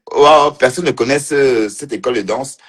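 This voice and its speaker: Speaking in a mid-range, fairly bright voice, a man does casual livestream commentary as an online commentator. He keeps teasing and mocking, laughing a lot and repeating phrases.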